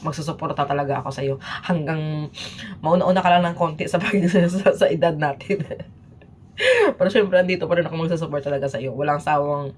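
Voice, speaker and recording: A woman from the Philippines talks through a reaction video in a low, easygoing voice. She chats and laughs as she goes, switching between Tagalog and English. A faint background noise sits under her talk. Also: expressive, brisk. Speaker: YouTube reaction vlogger. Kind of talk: casual reaction chat.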